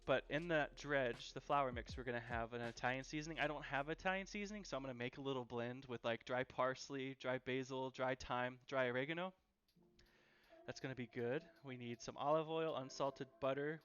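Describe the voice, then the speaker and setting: Cooking live from his home kitchen, a man with a mid-pitched, slightly bright voice keeps up casual stream chat, relaxed and prone to repeating himself for emphasis. Music clearly plays along, and the sound is dull and lo-fi.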